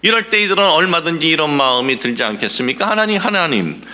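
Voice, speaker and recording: A man's voice: fairly high pitch, expressive, quick pace, pushed and bright. A middle-aged man preaching a sermon as a pastor, asking the congregation rhetorical questions and building up to emphatic passages.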